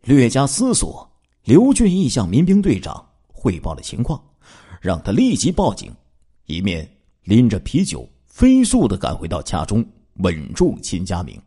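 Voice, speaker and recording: Male true-crime storyteller, dramatic delivery, asides to listeners, husky voice, low pitch. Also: wildly swooping pitch, unhurried, warm tone. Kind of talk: spoken true-crime narration.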